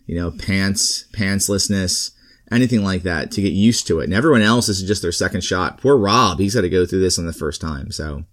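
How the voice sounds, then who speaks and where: A man hosting a podcast in casual, jokey, rambling chat. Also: fairly low pitch. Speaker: podcast host.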